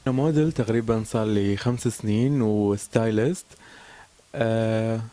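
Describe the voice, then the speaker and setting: A man's voice: on the low side, normal speed, dark tone, dry recording. A man, a guest model and stylist answering casually with easy laughs. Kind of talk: casual interview.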